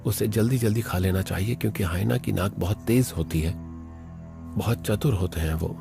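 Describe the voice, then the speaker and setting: A man narrating a wildlife documentary in a dubbed voice-over, excitedly commenting on animals as they chase and fight. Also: lowish voice, moderate pace, vocal fry. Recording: with loud background music.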